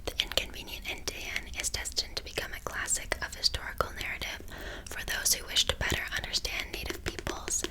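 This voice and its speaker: Woman's soft library whisper, whispered role-play. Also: poor audio. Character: helpful librarian recommending books. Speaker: ASMR host playing a librarian presenting books.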